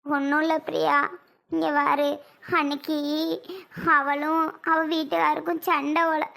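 A woman's voice: high voice, little pitch movement, measured pace, vocal fry, sharp tone, full character voice. A woman voicing an older cartoon mother who lectures, pleads and laments in a scolding way. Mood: lamenting. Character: older mother, lecturing and grieving over her son. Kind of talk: cartoon voice acting.

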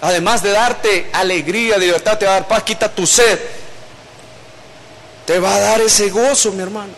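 A man's voice: sits high, fairly even intonation, normal speed, a bit bright, a little hiss or hum. A male pastor, preaching a sermon in a conversational storytelling way. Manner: conversational storytelling preaching, acting out quoted voices.

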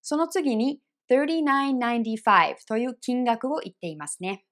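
A woman teaching English pronunciation in an online lesson, explaining clearly and repeating example phrases slowly. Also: a little high, fairly bright tone. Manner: clear, careful explanations with slow repeated demonstrations.

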